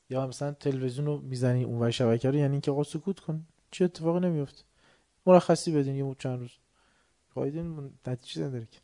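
A man giving a religious lecture, swinging between soft asides and loud, heated outbursts. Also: mid-range voice. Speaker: preacher.

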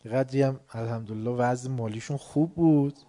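A man giving a religious lecture, swinging between soft asides and loud, heated outbursts. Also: medium pitch. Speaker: preacher.

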